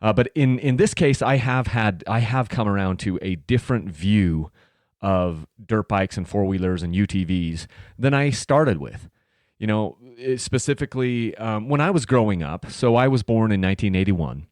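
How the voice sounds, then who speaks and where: A man's voice: on the low side, lively intonation, moderate pace, a little mellow, no room sound, studio quality. A man in his late thirties hosting a solo podcast, talking casually in a rambling way with many fillers and restarts. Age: 30s. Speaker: podcast host.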